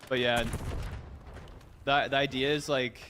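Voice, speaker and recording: A man's voice: medium pitch, flat delivery, unhurried, fairly bright tone, slight background noise. A man streaming a game, chatting casually and rambling with lots of filler words. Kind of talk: casual gaming commentary. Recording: game gunfire in the background. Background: game gunfire.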